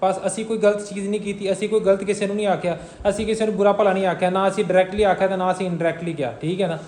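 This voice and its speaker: Fast, coaxing young Punjabi man. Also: high voice, little pitch movement, darkish tone. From Punjab, Pakistan. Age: young adult. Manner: coaxing and reassuring, repeats "theek hai na?". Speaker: family vlogger. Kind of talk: casual family vlog. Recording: roomy room with faint noise.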